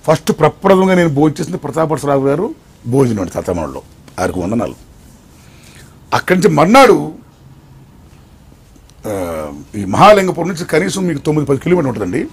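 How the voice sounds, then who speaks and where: An older man as an interview guest, telling his life story in an animated way, swinging between loud excitement and hushed tones. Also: fairly high pitch, fairly quick, vocal fry, pauses often.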